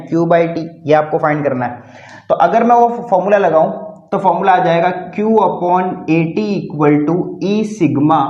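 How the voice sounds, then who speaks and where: A man's voice: high voice, a little mellow. A man teaching a physics lesson, solving numericals in a reassuring tone and drawing out words as he writes. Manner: reassuring, calls students बच्चों, stretches words while writing. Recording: dull lo-fi sound in an echoey room.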